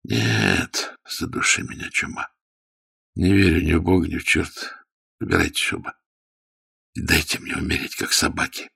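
A man voicing a wounded, dying captain who speaks quietly and scornfully in a weak, breathy voice. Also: a bass voice, sing-song, normal speed, exaggerated voice. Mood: defiant. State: weak and fading.

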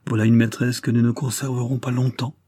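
Une servante paysanne robuste et dévouée, franche et familière, lue par un homme à la voix grave. Le timbre reste sombre et un peu voilé, dans un enregistrement sec de livre audio. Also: male voice, medium pitch, level tone, a little fast, mellow, breathy edge, no echo, clean studio sound, close to an everyday voice. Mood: tender. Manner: blunt, familiar. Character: robust devoted peasant servant woman.

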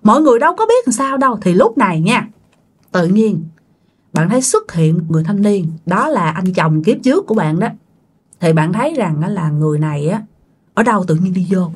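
A woman's voice: medium pitch, sing-song, a little fast, husky. A woman, hosting and narrating a ghost story casually, talking straight to her listeners. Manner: chatty, addresses listeners directly. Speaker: storytelling channel host.

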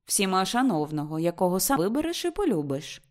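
A proper middle-aged mother answers her daughter firmly and coolly, reasoning her down, as a woman reads her in an audiobook. Her tone stays measured and disapproving. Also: lowish voice, sing-song.

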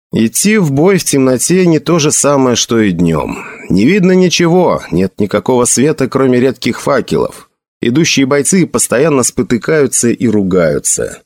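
A man narrating an audiobook in an expressive storytelling manner. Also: medium pitch, normal speed, dry recording. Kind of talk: scripted narration.

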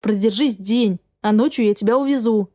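A woman voicing a determined, protective young man who speaks quickly and decisively. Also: mid-range voice, dark tone, natural voice. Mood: resolute.

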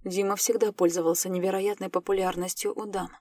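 A woman narrating a first-person fantasy story in a lively, playful audiobook reading. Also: mid-range voice, a little fast, dry recording.

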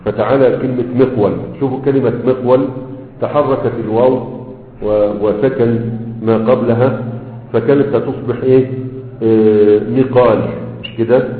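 A man's voice: medium pitch, steady tone, moderate pace. A man with an Egyptian Arabic accent teaching a grammar class, explaining step by step and checking that his students follow. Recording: tinny lo-fi recording in an echoey hall.

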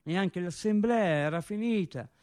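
For a radio theatre stage monologue, a man with a Tuscan accent plays an embittered factory worker, telling a colloquial story with simmering anger. He digresses, corrects himself, and repeats phrases for emphasis. His voice is high and darkish, lightly acted at normal speed.

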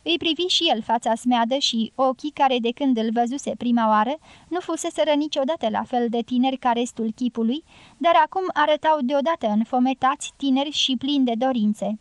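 Woman reading a novel aloud, steady and measured, high voice, dry close sound. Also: dry recording. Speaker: audiobook narrator. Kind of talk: scripted literary narration.

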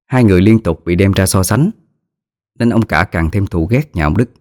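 A man narrating a story in a measured, dramatic way. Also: deep voice, a little mellow, no echo, studio quality.

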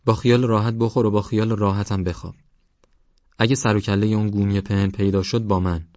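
Fierce young orphan woman voiced by a male reader, raised low voice, dry and slightly muffled. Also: flat delivery, a little mellow, no room sound, lightly acted. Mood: defiant. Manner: fierce, pleading.

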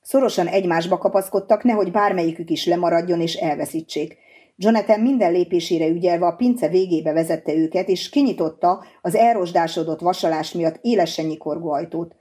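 A woman narrating an audiobook in an even, measured reading. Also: fairly low pitch, slightly rough.

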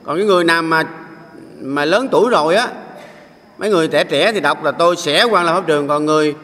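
A man's voice: on the high side, fast, fairly bright tone. A man, a Buddhist monk, giving a jocular sermon and often asking the audience to agree. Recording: reverberant hall sound.

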